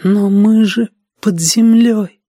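A man reading a story aloud and voicing a quiet, uneasy young schoolgirl who speaks in soft, hesitant questions. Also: sits high, expressive, moderate pace, no room sound, pitched above the performer's own voice. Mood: uneasy, wondering.

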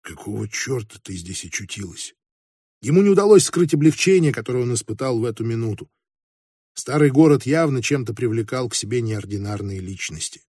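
A man reading an audiobook aloud in steady, measured scripted narration. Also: medium pitch, husky, dry recording, clean studio sound.

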